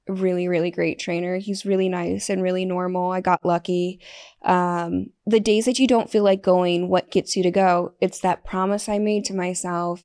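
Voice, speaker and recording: A woman's voice: medium pitch, darkish tone. A young woman hosting a podcast, talking candidly and bluntly in a casual chatty way. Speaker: podcast host. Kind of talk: casual solo podcast talk.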